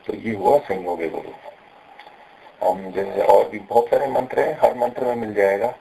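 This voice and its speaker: Gravelly, dark-voiced male teacher. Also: lowish voice, poor audio. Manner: patient, slows down and stresses syllables when demonstrating. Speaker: Sanskrit pronunciation teacher. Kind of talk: explanatory lesson with recited examples.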